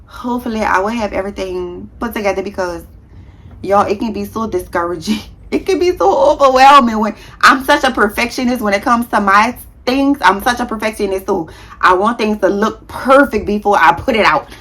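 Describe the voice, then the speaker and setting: A woman in her thirties, a nurse, chatting casually to her viewers in a vlog, talking fast with a heavy tongue and sometimes tripping over words. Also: mid-range voice, fairly bright tone. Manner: frank, slangy, addresses viewers as y'all. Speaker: nurse and content creator.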